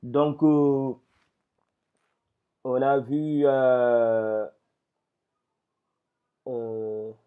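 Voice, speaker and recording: A man's voice: medium pitch, flat delivery, smooth. A man teaching Arabic reading step by step, patient and spelling out syllables one at a time. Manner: slow and patient, with many restarts and syllable-by-syllable spelling. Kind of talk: step-by-step lesson. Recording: tinny phone-like sound.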